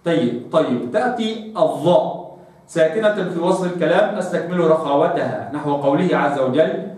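A man gives a pronunciation lesson for Quran recitation, drawing model words out slowly and explaining in between. His voice sits fairly high for a man. It rings through a very reverberant room, picked up from some distance. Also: a little mellow. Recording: very echoey room, voice off-mic.

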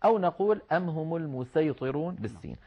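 A man teaching Quran recitation rules, patiently explaining step by step and slowing down to demonstrate words. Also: a little high, big pitch swings, gravelly, husky. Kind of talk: explanatory religious lesson. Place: online class with shared screen. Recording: slightly dull lo-fi sound.

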